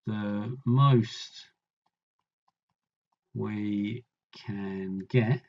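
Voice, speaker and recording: A man with a lowish voice talks himself slowly through a maths problem, musing, pausing and trailing off as he thinks. The sound is dull and lo-fi. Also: steady tone, a little mellow. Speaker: maths tutor working through an exam problem. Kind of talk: thinking aloud while solving a maths problem.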